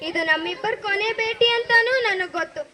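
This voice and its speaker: A high, bright-voiced grieving mother, played by a woman in a school play, tearful and pleading. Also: brisk, slight background noise. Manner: sobbing, pleading.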